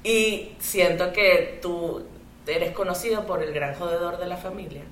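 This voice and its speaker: A woman hosting a casual podcast interview, chatty and quick with agreeing replies. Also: lowish voice, a little hiss or hum. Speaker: podcast host. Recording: echoey room.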